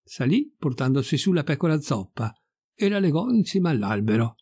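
A man reading a folk fairy tale aloud with expressive storytelling. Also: fairly high pitch, normal speed, husky, no room sound. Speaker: reader.

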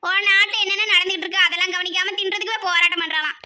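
A woman's voice: very high-pitched, fairly even intonation, rapid-fire, background noise. A woman voicing a bossy elder sister who nags and scolds, with a southern Tamil accent. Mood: scolding. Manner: scolding, nagging. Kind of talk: cartoon voice acting.

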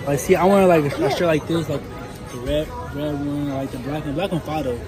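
A man's voice: a little high, fairly even intonation, fairly quick, over music, crowd noise. A young man talking casually to viewers in a slangy, laid-back way, filming himself on a phone held at arm's length, first in a car and then in a store. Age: young adult. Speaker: vlogger. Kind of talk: casual vlog chat. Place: car at night, then a big bright store. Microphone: handheld phone at arm's length.

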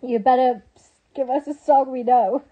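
A woman's voice: high-pitched, steady tone, moderate pace, dull audio. A young British woman with a British accent chatting casually on a live stream, giggling often and trailing off on long filler words. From Britain.

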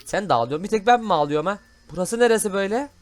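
Excitable gaming host, lively high voice. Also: male voice, rapid-fire, a little hiss or hum. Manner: excitable, loud exclamations. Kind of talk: excited gameplay commentary.

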